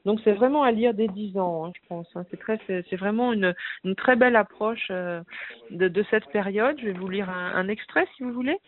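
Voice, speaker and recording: A woman's voice: mid-range voice, moderate pace. A woman talking on a radio show about books by phone, chatty, with many fillers and restarts. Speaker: book reviewer and blogger. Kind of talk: casual radio chat on the phone. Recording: phone-line sound.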